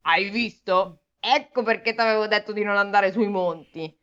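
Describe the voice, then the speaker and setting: A woman voicing an unhurried old male abbot who speaks in a calm, drawn-out way, on a dull lo-fi recording. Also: medium pitch, smooth, lightly acted.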